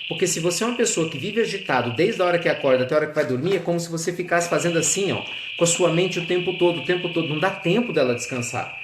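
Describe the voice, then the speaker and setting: A man giving an earnest, reflective spiritual talk, animated and addressing his listeners directly. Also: a little high, background noise. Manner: earnest, animated, with teaching asides. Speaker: spiritual speaker. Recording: echoey with loud crickets and frogs.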